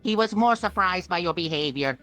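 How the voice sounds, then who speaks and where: Woman, lower voice, even storybook reading, faint music. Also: a little fast. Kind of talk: reading chatbot story aloud.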